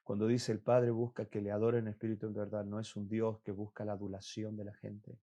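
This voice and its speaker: A man delivers a church sermon with a low, mellow voice. He preaches earnestly, stressing and repeating his key words and sometimes restarting a phrase as he builds his point. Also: little pitch movement, brisk, highs cut off. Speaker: pastor.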